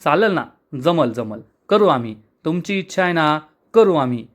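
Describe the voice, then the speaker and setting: A man reading a hurried placating young husband. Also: on the high side, animated, natural voice. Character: young husband, quick to back down.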